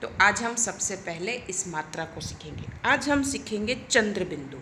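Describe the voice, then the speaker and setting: A woman teaching young children, slow and patient, spelling out letters and often asking the class to repeat. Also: mid-range voice, lively intonation, pushed and bright, a little hiss or hum. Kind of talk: children's Hindi lesson.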